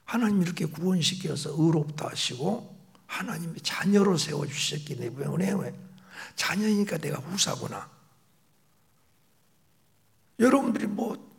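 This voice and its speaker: A middle-aged man preaches with a gravelly, slightly high voice. His pitch swings widely as he presses a point, then drops to a hushed whisper. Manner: shifts between raised emphatic phrases and soft whispered asides. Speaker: pastor. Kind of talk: sermon.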